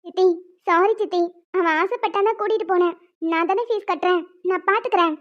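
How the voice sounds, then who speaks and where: A woman's voice: extremely high pitch, quick pace. Woman voicing a meek, polite cartoon sister. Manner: soft-spoken, apologetic, polite. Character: meek young woman, patient elder sister. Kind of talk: cartoon voice acting. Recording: dull lo-fi sound.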